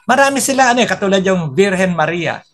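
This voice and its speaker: Older man explaining, slightly high voice. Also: very animated, fast talker, noisy background. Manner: explains patiently and repeats points. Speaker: Spanish professor. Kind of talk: casual chat.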